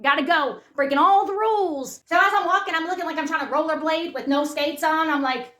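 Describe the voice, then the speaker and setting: High, bright-voiced woman telling a comic story. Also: fairly quick. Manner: animated, profane, punchy delivery. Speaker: comedian.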